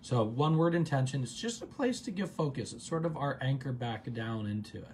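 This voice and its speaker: Male meditation host, middle pitch, calm, guides a gratitude practice with soft drawn-out repetitions; faint background hum. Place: office.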